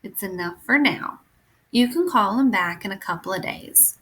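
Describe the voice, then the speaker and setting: A woman's voice: mid-range voice, lively intonation, moderate pace, a bit bright, close to an everyday voice. A woman voicing a firm mother telling her son to stop, in a storybook read-aloud. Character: firm mother of a young boy.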